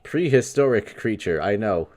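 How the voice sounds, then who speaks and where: Streamer, man in his twenties, low-leaning voice, wry and rambling while answering chat live. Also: animated, moderate pace, a little mellow. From New York. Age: 20s. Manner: wry, rambling, reads chat aloud and reacts.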